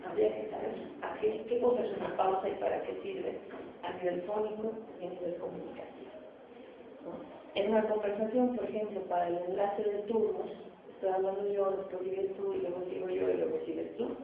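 A woman with a Mexican Spanish accent giving a university phonetics lecture, explaining slowly and asking rhetorical questions. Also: medium pitch. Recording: echoey classroom from far off, phone-like sound, noise.

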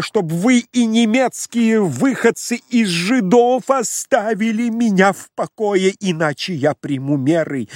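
A man voicing an overwrought, hysterical young man who pleads and shouts. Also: on the high side, husky, no room sound, studio quality, pitched above the performer's own voice, exaggerated voice.

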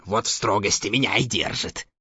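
A woman's voice: extremely low pitch, normal speed, sharp tone, slightly rough, no echo, voice pushed down, full character voice. A woman voicing Koschei, a fussy, henpecked old male sorcerer in a fairy tale, who hems and fumbles for words. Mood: explaining. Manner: hesitant, hemming and fumbling. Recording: dull lo-fi recording.

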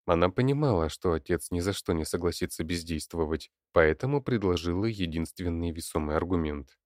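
A man reading an audiobook with steady scripted narration. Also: deep voice, brisk, no echo, clean studio sound. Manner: steady storytelling.

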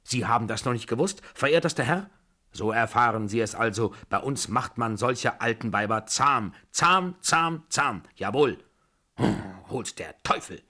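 A man's voice: on the low side, very animated, normal speed, few pauses, husky. A man plays a broken older general in a radio reading of a novel, begging and ranting in a strained, raised voice. His talk lurches between pleading and agitation. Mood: agitated.

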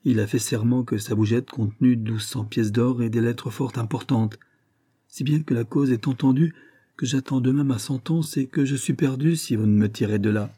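Man voicing a tearful widow innkeeper, pleading, dark husky tone, audiobook. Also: mid-range voice, moderate pace, no room sound, lightly acted. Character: distressed rich widow innkeeper, woman.

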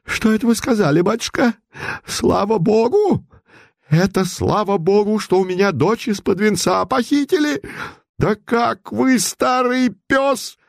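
A man's voice: huge pitch swings, slow pace, long pauses, mellow, husky, exaggerated voice. Man doing a shrieking fat merchant woman. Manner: shrill wailing.

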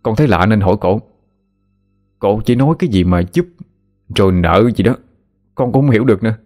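A man's voice: fairly low pitch, lively intonation, brisk, dark tone, close to an everyday voice. A man voicing a flustered, earnest young man who pleads and explains. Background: faint background music.

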